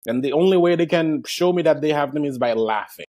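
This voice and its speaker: A Haitian stand-up comedian with a Haitian accent speaks in a fairly high voice, brisk and a little mellow, with lively intonation. In casual conversation he reflects earnestly on his craft, swearing now and then.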